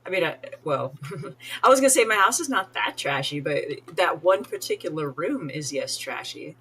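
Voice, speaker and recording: Low-voiced woman chatting over gameplay. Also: lively intonation, moderate pace, sharp tone, a little hiss or hum. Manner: chatty, giggly, talks to game characters. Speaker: streamer playing a life-sim game. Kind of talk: casual gameplay commentary.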